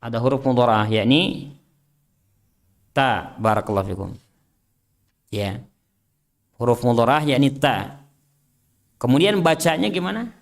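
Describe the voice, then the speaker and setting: A man's voice: mid-range voice, a little slow, creaky, pauses often. A man teaching an Islamic study class. He reads Arabic text aloud, translates and explains it, and drills his students with short questions. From Indonesia. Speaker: religious teacher.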